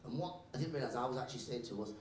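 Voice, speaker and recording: A man performing live stand-up comedy, telling stories and acting out the people in them. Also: racing. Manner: animated storytelling, acting out characters. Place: live comedy venue with audience. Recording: roomy venue, mic picked up from a distance, faint rumble.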